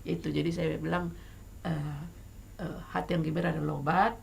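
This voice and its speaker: A middle-aged woman with an Indonesian accent, talking as a guest songwriter in a casual talk show chat, hesitant with many fillers but lively and emphatic. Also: low voice, brisk, vocal fry, slight background noise. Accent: Indonesian, Batak.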